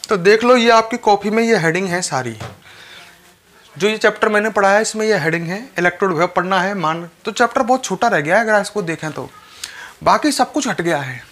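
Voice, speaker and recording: A man's voice: high voice, lively intonation, fairly quick, a bit bright. A male chemistry teacher lecturing students, repeating each point and speaking to them directly. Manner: repetitive, instructive, addresses students directly. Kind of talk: classroom lecture.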